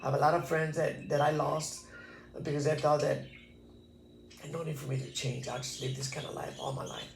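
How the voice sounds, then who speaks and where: A Texas man in his sixties, a former pachuco, reflects on his past in a casual recorded interview, earnest and often restarting his sentences. His voice is fairly high, sing-song, gravelly and fairly quick. The low-quality recording is reverberant with slight background noise.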